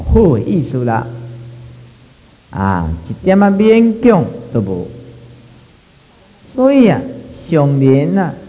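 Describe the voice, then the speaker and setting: A man with a Taiwanese accent lectures on a Buddhist sutra, his fairly high voice swooping up and down as he stretches phrases and leans on long fillers. His tone stays mellow, and the microphone carries a long hall reverb behind him. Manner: drawn-out phrasing, frequent 啊 fillers, mixing in Hokkien.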